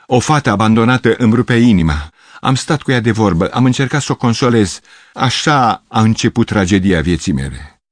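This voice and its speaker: A man's voice: lowish voice, very animated, darkish tone, no room sound, voice pushed up. A man voicing a pompous, dramatic middle-aged male pianist who speaks in pathetic exclamations, in a storybook reading. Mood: pathetic, agitated.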